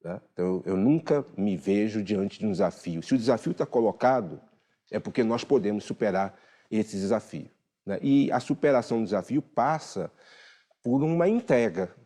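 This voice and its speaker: Brief: male studio guest, deep and mellow, reflective with hesitant fillers. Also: animated, normal speed. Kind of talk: TV studio conversation.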